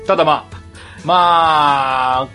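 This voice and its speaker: A man's voice: a little high, slow pace, sharp tone, faint music behind. A man from rural Tohoku co-hosting a podcast in casual chat, playful and self-deprecating. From rural Tohoku, Japan. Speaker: podcast co-host.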